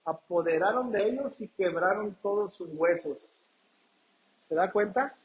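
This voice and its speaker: A man preaching a sermon, asking the congregation questions and reading scripture slowly. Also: high-pitched, highs cut off, slight background noise. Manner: reads scripture aloud slowly and deliberately. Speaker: pastor.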